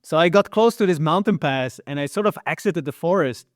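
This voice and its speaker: Dutch man, slightly american accent, fairly high voice, smooth, dry sound. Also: animated, fairly quick, dry recording. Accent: Dutch, partly American. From Netherlands. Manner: many fillers and repeated words. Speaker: guest filmmaker and hiker. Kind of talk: casual interview storytelling.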